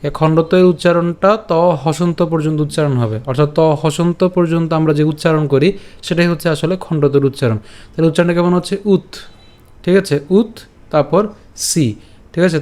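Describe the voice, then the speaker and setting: A man with a Bengali accent teaching pronunciation step by step, patiently repeating syllables slowly and checking in with his listeners. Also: a little high, a little mellow. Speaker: Gita recitation teacher.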